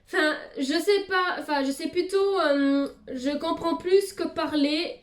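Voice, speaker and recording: Young woman vlogger: high, chatty, lots of exclamations, recorded in an echoey room. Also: measured pace. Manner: chatty, exclamations and many fillers. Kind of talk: casual chat to camera.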